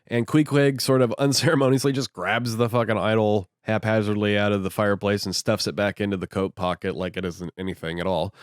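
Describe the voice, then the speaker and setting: Profane casual man, lively delivery. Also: lowish voice, no room sound, studio quality. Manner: profane, many fillers, loose. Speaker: book commentator. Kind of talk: casual book commentary.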